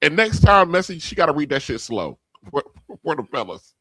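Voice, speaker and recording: Male co-host, mid pitch, lively, blunt slang, dry close mic. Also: normal speed, no room sound, rough recording. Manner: blunt, slangy, laughs easily. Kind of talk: casual podcast banter.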